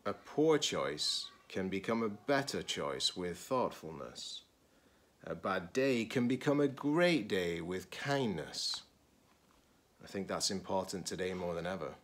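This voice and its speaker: A middle-aged teacher-librarian reads a children's picture book aloud with care, using short phrases broken by pauses. His voice is low, and his intonation is lively.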